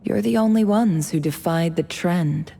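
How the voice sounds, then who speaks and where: In a video game, an actress voices a cool, calculating young woman, a scholarly envoy whose measured, polite persuasion sounds courteous. Her voice sits on the low side, gravelly yet mellow.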